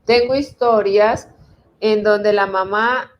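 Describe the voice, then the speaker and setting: Calm middle-aged woman therapist. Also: mid-range voice, a little hiss or hum. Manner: calm, slow, reassuring guidance with pauses. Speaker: transgenerational therapist. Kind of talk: guiding talk answering viewer questions.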